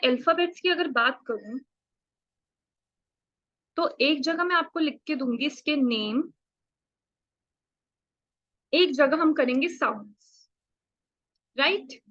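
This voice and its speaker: A woman's voice: high-pitched, measured pace, long pauses, fairly bright tone, lo-fi sound. A woman teaching a beginners' Spanish class online, stretching out letter sounds and checking often that students follow. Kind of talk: online language lesson.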